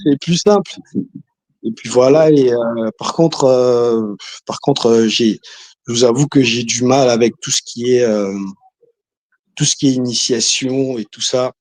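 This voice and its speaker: Speaking a little slowly with fairly even intonation, a man from Congo chats on a video call in a darkish, medium-pitched voice with no echo. His casual talk is hesitant, peppered with fillers, false starts, and occasional chuckles.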